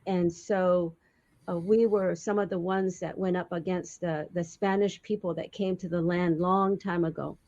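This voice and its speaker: Soft-spoken woman telling a story. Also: on the low side, steady tone, highs cut off. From American Southwest. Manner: unhurried, reflective, many fillers. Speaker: interview guest. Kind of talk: storytelling in an interview.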